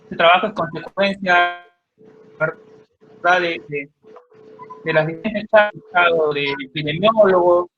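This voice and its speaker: A man with a somewhat high voice gives an academic talk, stumbling and repeating himself. His audio comes over a choppy internet call that keeps breaking up. The sound is dull and distant, like a cheap computer mic. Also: over music. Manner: halting, repeats words often. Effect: choppy, breaking-up internet call connection. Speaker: guest lecturer. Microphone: computer mic on a video call.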